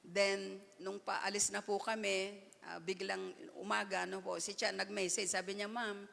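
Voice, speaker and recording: A woman's voice: mid-range voice, level tone, moderate pace, vocal fry, a bit bright. An older woman pastor preaching a sermon, switching between Tagalog and English and calling on the congregation to respond. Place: church hall. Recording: long hall reverb.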